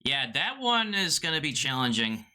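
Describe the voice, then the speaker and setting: A man's voice: fairly high pitch, very animated, normal speed, sharp tone, smooth. A man giving casual, rambling live commentary on a video game run in a conversational way. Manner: conversational, rambling, frequent "you know". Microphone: headset.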